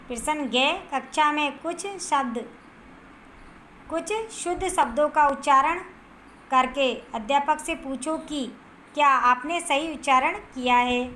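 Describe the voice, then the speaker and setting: A woman teacher giving a grammar lesson to first graders, repeating each word and answer slowly so they can write it down. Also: high-pitched, pushed and bright, a little hiss or hum.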